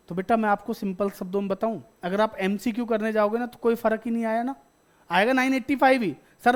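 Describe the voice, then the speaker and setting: A male teacher, giving a classroom lecture. He fires questions at the class, repeats each point, and answers himself before moving on. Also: very high-pitched. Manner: addresses students as beta.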